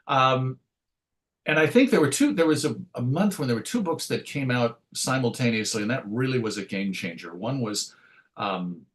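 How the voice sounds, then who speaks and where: Appearing as an interview guest, a middle-aged writer and radio host looks back on the past in a casual, hesitant, rambling way, frequently interrupting himself to begin again. His medium-pitched voice is expressive and a bit bright, at normal speed.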